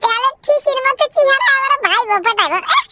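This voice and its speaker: A woman's voice: very high-pitched, expressive, fairly quick. Woman doing cheeky cartoon boy Shinchan. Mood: bossy. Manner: bossy teasing chatter with tag questions. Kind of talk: game video voice-over. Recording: game crowd noise behind.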